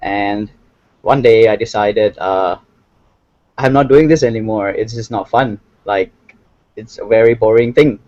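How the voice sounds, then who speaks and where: Brief: young man from Thailand, lowish voice, hesitant and soft-spoken, dry and slightly dull recording. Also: unhurried, no room sound. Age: young adult. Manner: hesitant, many fillers and restarts, soft-spoken. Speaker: interview guest, hotel owner. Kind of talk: casual interview answers.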